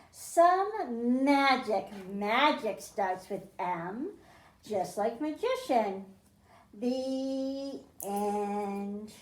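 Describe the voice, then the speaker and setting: A librarian with a high voice reads a picture book aloud to children in a library room, stressing the m sounds in a sing-song way before describing a science activity. The sound is roomy.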